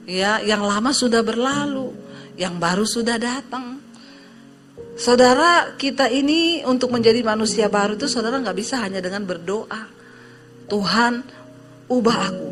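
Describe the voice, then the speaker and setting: A woman pastor from Indonesia preaching a sermon, telling a story and acting out the voices in it, often addressing her listeners directly. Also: on the high side.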